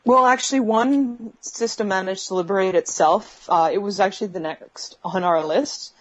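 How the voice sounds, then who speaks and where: Over a choppy phone video call from her bedroom, a woman is being interviewed as a guest. Her voice is mid-range and her pace moderate, the sound lo-fi, and she answers haltingly with plenty of fillers.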